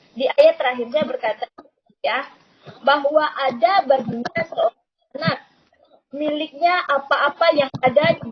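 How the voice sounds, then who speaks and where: A woman on a choppy online call whose voice keeps breaking up, explaining things in an earnest, halting way. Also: sits high, a little hiss or hum. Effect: choppy online call audio, breaking up. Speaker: participant explaining scripture. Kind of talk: online group call discussion. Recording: dull lo-fi online call line.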